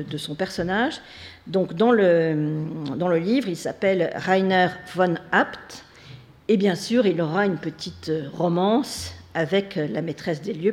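A woman's voice: lowish voice, darkish tone. A woman giving an academic talk, hesitant, with many fillers and restarts. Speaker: lecturer. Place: lecture hall.

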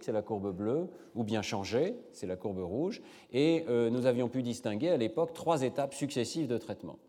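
A man giving a measured academic lecture with slides, pausing often with fillers. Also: mid-range voice, warm tone, long reverb tail. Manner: measured, many hesitations.

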